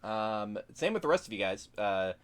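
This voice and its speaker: A man's voice: lowish voice, very animated, normal speed, a bit bright, clear, resonant tone. A man acting as game master, improvising tabletop narration in a casual, hesitant, explanatory way.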